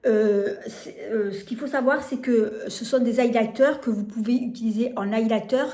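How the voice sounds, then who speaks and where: A French woman showing makeup on camera, gushing about each product and filling pauses with hesitations and repeated words. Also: a little high, dark tone. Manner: gushing, enthusiastic over products. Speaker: beauty vlogger. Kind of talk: casual product demo. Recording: echoey room.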